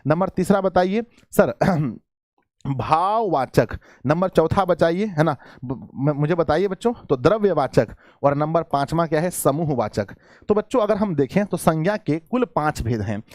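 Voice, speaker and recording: A male teacher with a fairly high voice runs a grammar lesson. He fires questions at his students, answers them himself, and repeats each example with rising emphasis. The sound is dry and close to the mic. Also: animated, unhurried, a little mellow, no room sound. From Bihar, India. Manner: calls students "my children", asks questions then answers them.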